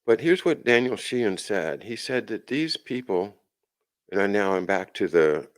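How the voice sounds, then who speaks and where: Deep-voiced male host, loose rambling monologue, lots of restarts. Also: very animated, normal speed. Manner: rambling, with many restarts and asides. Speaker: podcast host. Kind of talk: casual monologue.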